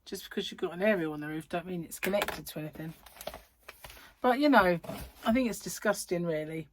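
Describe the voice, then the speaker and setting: A British woman with a husky voice, chatting casually and digressing as she hosts a vlog for her viewers. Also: on the low side, brisk, background noise. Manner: chatty, often chuckles and digresses. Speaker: vlog host. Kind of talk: casual rambling chat to viewers.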